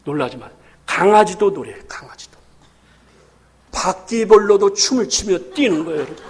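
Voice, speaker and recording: A man preaching a sermon as pastor, lively and humorous, acting out little household scenes. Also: high voice, quick pace, breathy edge.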